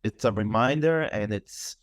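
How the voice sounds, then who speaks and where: In a clean, echo-free studio recording, a man speaks with a fairly low pitch at a measured pace. He is a Portuguese-speaking fitness instructor from Brazil in his thirties, giving a casual, thoughtful interview full of filler words.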